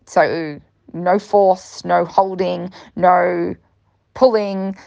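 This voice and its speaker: A young woman coaching riders in a chatty, rambling vlog. Her voice sits low with a steady gravelly fry, and she drifts through restarts and ums. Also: very slow, dull audio. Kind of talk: casual vlog talk.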